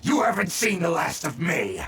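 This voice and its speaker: A man voicing a menacing, blustering bandit in a game, shouting threats and mocking. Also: fairly high pitch, wildly swooping pitch, moderate pace, echoey room, recorded from a distance. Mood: threatening. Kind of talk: game voice acting.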